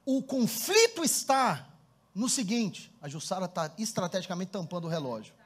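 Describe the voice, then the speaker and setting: A pastor preaching with a strikingly high voice that leaps up and down in pitch. He tells stories with animated energy and calls on his congregation to answer. He speaks into a handheld microphone in front of the church. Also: moderate pace. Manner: storytelling, animated, laughs often, calls congregation to respond. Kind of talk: sermon. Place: church hall before a congregation.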